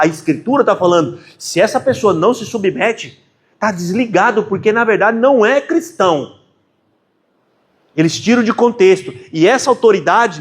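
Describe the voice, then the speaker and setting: A man with a Brazilian Portuguese accent preaching a conference talk, telling stories and acting out quoted dialogue, building to impassioned emphasis. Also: sits high.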